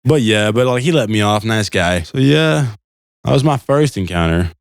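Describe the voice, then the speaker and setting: A young podcast storyteller spins casual, comical tales in a slangy, meandering way, acting out quoted dialogue as he retells them. His voice is on the low side, expressive and creaky, at a normal pace, recorded dry and clean in studio quality.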